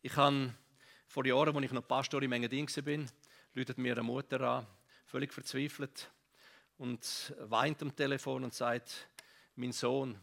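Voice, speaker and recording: A middle-aged man with a Swiss German accent, preaching a sermon with stories, lively, swinging from loud to hushed. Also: mid-range voice, normal speed, vocal fry. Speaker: pastor. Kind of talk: sermon with storytelling.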